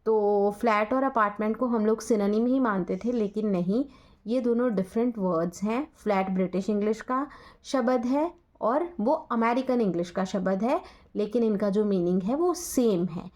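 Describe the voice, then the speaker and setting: A woman's voice: medium pitch, normal speed, darkish tone. A woman with an Indian accent, teaching an English lesson and explaining patiently, spelling words out letter by letter.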